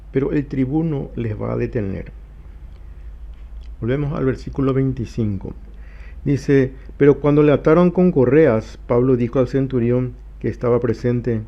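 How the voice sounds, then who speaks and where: Man teaching Bible study, lo-fi sound. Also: mid-range voice. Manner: reads scripture aloud slowly, then explains. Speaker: pastor.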